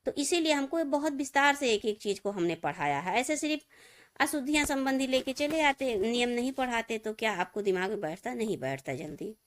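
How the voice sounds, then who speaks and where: A woman's voice: a little high, animated, brisk. A woman Hindi grammar teacher giving a video lesson, reading misspelled words and then their right forms, and often addressing her students as children. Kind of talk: classroom-style video lesson.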